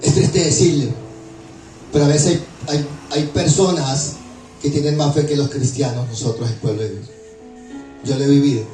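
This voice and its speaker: A man's voice: a little high, steady tone, normal speed. A male pastor preaching a sermon, asking the congregation to answer back in call and response. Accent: Latin American Spanish. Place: church hall. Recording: echoey hall, distant mic, music behind. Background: background music.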